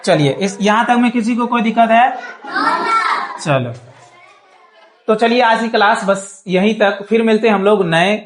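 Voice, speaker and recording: A man's voice: high-pitched, a little slow, long pauses, slight background noise. Male teacher, classroom lesson, patient, repetitive checks. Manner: patient, repeats checks like "thik hai?". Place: small classroom.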